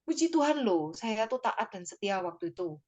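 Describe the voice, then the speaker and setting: A woman's voice: mid-range voice, big pitch swings, normal speed, a little mellow. A woman giving a personal testimony to her church group, talking conversationally and emotionally, with many fillers and tag phrases, and speaking directly to her listeners.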